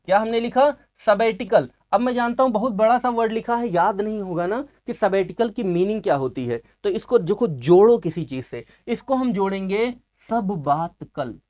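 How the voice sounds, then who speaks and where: With a high voice and a darkish tone, a male teacher runs an English vocabulary exam-prep lecture. He asks questions, answers them on his own, and draws out important words to stress them.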